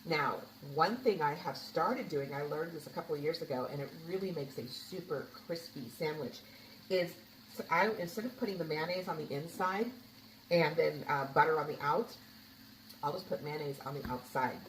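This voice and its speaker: A woman's voice: low-pitched, moderate pace, echoey room, far from the mic, a little hiss or hum, low-quality recording. A woman hosting a home cooking video, chatting casually as she makes a sandwich and tastes it. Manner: chatty, homey, talks while cooking and tasting. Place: home kitchen.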